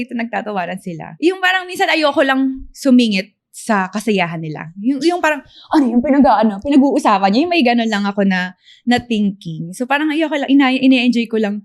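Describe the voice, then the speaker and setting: A young woman in her twenties from the Philippines, co-hosting a podcast in casual chat, soft-spoken and hesitant. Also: on the high side. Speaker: podcast co-host.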